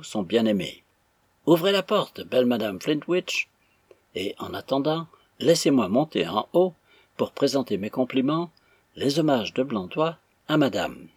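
A man voicing a boisterous, impatient male stranger who talks loudly and theatrically. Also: medium pitch, slightly rough, dry recording. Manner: loud, mocking, theatrical.

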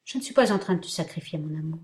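A woman voicing a gentle, calm man who talks softly and reassuringly to a friend in an audiobook. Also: on the low side, very fast, lightly acted. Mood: tender. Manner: soft, tender and reassuring. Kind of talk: audiobook reading.

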